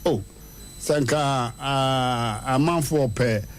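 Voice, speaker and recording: A man hosting a radio show, telling a story in a lively way and leaping high in pitch for punchlines. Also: slow, faint music behind. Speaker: radio host. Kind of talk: animated radio storytelling and proverbs. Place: radio studio.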